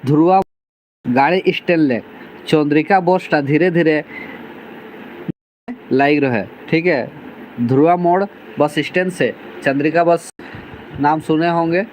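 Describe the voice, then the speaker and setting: A man's voice: on the high side, measured pace, long pauses, a little mellow, slight background noise, poor audio. A man, teaching a class by reading lines from a novel and explaining each one in plain words. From Jharkhand, India. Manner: reads dialect lines aloud, then restates them plainly with many 'theek hai' fillers.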